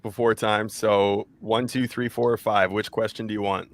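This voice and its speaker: A man's voice: on the low side, level tone, no echo. A Canadian man hosting a podcast, upbeat and joking as he leads the chat. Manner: upbeat, joking, quick to laugh. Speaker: podcast host. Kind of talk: casual chat and read ad spot.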